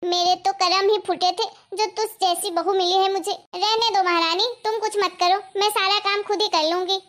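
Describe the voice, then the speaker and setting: Woman doing a bossy cartoon mother-in-law, scolds a lot, voice pitched very high. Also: fairly even intonation, measured pace. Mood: scolding. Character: stern scolding middle-aged mother-in-law. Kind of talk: cartoon voice acting.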